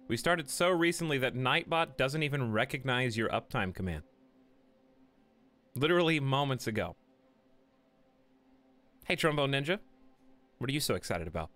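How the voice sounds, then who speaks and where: With a cold, a man chats casually with viewers as he live-streams a game from home into a desk mic. His mid-range voice sounds pushed and bright, and he greets people and cracks jokes while faint game music plays behind him.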